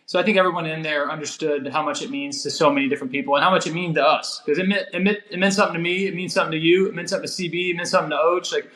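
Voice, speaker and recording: A man in his twenties, a former college player, talking casually about sports, haltingly repeating phrases for emphasis. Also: fairly high pitch, fairly bright tone. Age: 20s. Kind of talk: casual sports podcast conversation. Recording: roomy, echoey sound.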